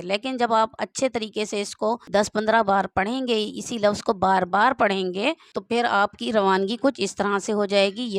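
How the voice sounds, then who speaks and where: In clean studio audio with no room sound, a woman with a mid-range voice teaches Quran reading. She works slowly, step by step, spelling out every word letter by letter and repeating it patiently.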